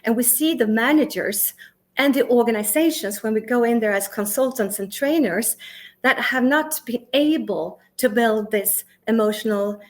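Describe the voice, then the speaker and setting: A middle-aged Swedish woman, a conference speaker and workplace consultant, delivers a prepared talk in English in a fairly high voice. She speaks emphatically, poses questions to the audience, and lists words one by one with pauses between them. Now and then she slips on grammar and starts a sentence over.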